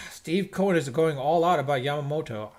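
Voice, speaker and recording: A man's voice: a little high, moderate pace, a little mellow. A man hosting a live stream, rambling casually about football with lots of restarts and strong opinions. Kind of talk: casual sports rant. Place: at home, checking scores on screen.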